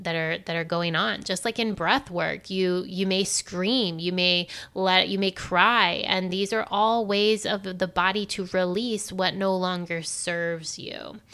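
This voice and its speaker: Bright, smooth-voiced woman telling a story. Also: on the low side. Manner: animated, acts out quoted dialogue. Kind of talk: casual personal storytelling.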